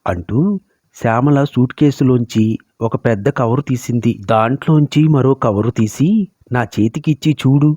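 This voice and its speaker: A man narrating a short story in a steady, measured reading voice. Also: mid-range voice, dry recording. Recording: dull lo-fi recording.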